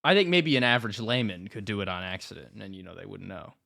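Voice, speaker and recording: Bright, lively young man teasing. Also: fairly low pitch, quick pace, creaky. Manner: dry, teasing banter. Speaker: podcast co-host. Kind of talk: casual chat.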